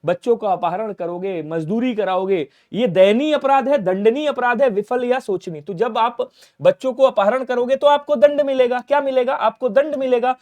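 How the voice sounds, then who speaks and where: A male teacher running an exam-prep grammar lesson in a quick quiz style, asking questions and answering them himself, and dropping to a low aside for reminders. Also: darkish tone.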